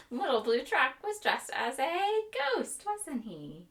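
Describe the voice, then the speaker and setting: High-voiced, slow storytime woman. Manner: gentle, expressive read-aloud with playful questions. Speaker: children's storytime leader. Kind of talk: reading a picture book aloud to young children.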